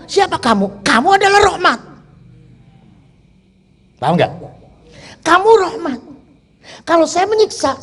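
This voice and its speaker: Animated husky male preacher. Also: extremely high pitch. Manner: animated, repeatedly asking the audience if they understand. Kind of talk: sermon.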